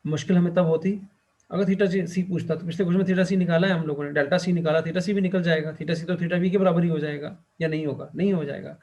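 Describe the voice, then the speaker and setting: A male teacher lecturing a class, who keeps asking the students questions and fills his pauses with the same short check-in phrase. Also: a little high, fairly even intonation, darkish tone, muffled recording. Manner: quizzes students and fills pauses with "theek hai".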